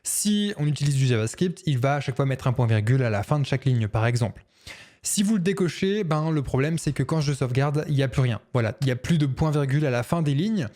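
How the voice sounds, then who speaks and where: A man's voice: medium pitch, animated, fast, a little mellow. A man hosting a screen-recorded coding tutorial, chatty and self-correcting, with fillers and little laughs.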